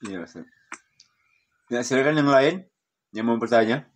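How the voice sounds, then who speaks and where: A man's voice: medium pitch, moderate pace. Chatty male host asking questions. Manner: chatty, asks questions, tags "Ustaz". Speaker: session host. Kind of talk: moderating an online study session.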